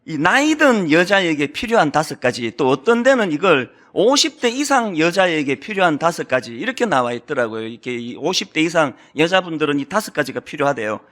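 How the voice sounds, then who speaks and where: A middle-aged male senior pastor preaching a sermon in a church, telling stories with acted quotes and sudden hushed drops. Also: fairly high pitch, very animated, a little fast, hardly any pauses. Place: church sanctuary.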